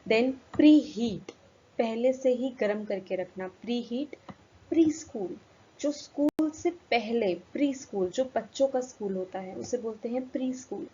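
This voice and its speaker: A woman teaching an English lesson, switching between Hindi and English and spelling words letter by letter, slowing down for English definitions. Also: fairly high pitch, warm tone. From India. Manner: slows right down for English definitions. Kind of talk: recorded classroom lesson. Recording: dull lo-fi recording with faint room noise.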